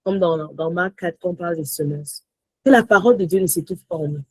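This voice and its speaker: A woman teaching a sermon with great animation, slipping English phrases into her French and swinging from shouts to soft whispers. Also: on the low side, brisk, slightly rough, dry recording, poor audio. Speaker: prayer teacher.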